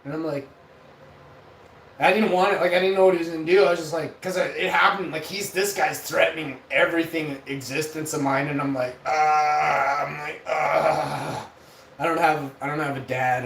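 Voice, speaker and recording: A man in his forties telling a rambling, profane story in a casual vlog. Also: fairly high pitch. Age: 40s. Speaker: vlogger host. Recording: roomy, distant mic, faint noise.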